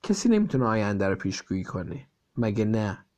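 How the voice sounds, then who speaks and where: A man's voice: fairly low pitch, very animated, darkish tone. A man voicing a playful, doubtful schoolboy while reading a storybook aloud.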